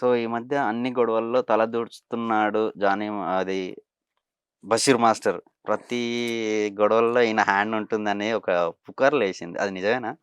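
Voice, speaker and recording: Low-voiced probing male interviewer. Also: steady tone, normal speed, smooth, no echo. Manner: probing, prompting, frequent agreeing hums. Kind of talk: casual interview.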